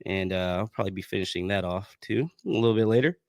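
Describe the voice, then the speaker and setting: A man co-hosting a soccer podcast in casual chat, sounding stuffy and congested from allergies, tired and low-key. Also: fast, a little mellow, no room sound, clean studio sound. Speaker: podcast co-host.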